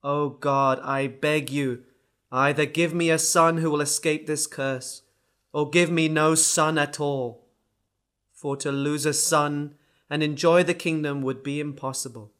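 A remorseful king from an old tale pleads in anguish, played by a man. His voice is bright and raised, and the words come slowly and heavily. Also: a little high, steady tone. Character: grief-stricken remorseful ancient king, man. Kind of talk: storybook reading.

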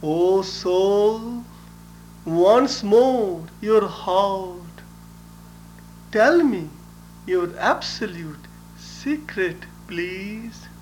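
Man, spiritual teacher, high-pitched voice, extremely slow delivery, solemn measured recitation. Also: expressive, a little mellow, a little hiss or hum. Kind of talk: devotional recited message.

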